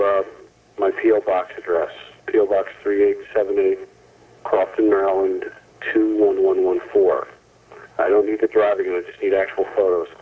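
A man with a fairly low, somewhat husky voice talks into an answering machine over a phone line. He is casual but businesslike, spelling out instructions and going back over details. The sound is thin, distant and muffled, like a 1990s tape. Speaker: caller leaving a phone message. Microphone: telephone line into answering machine.

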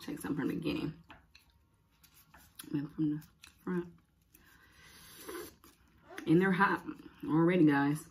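A woman's voice: deep voice, slow, pauses often, darkish tone, slight background noise. A young adult woman chatting casually as a mukbang host, rambling and muttering informally to herself between bites. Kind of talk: casual chat while eating. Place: indoors at home, cloth backdrop.

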